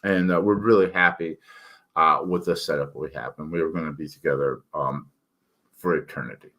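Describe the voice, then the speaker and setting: With a rumbling low voice that is bright and forceful, a middle-aged man talks at a moderate pace in a candid, rambling, self-deprecating monologue for his own author channel. His articulation is thick, tongue-heavy, and slightly slurred.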